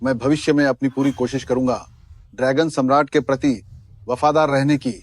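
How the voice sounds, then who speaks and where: A man's voice: mid-range voice, flat delivery, fairly quick, no room sound, lightly acted. A man dubbing a fearful debtor boss who begs for mercy and stammers. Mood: groveling. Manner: pleading, stammering. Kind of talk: Hindi dub of a drama.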